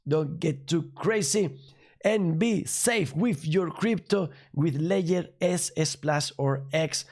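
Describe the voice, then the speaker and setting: A man from Spain with a Spanish accent, a native Spanish speaker hosting a news commentary show in an upbeat, emphatic, slightly halting way. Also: on the high side, darkish tone. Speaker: crypto news channel host.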